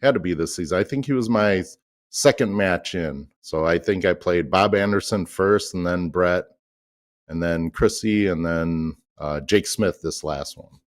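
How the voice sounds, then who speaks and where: A man with a somewhat low voice, recorded dry with little room sound. He co-commentates on darts casually, in a folksy and self-deprecating manner. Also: unhurried, dry recording. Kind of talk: casual chatty sports commentary.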